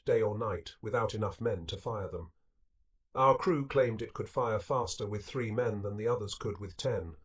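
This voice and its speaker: A man reading a wartime memoir aloud as an audiobook narrator, in a steady, measured way. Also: on the low side, breathy edge. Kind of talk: scripted narration.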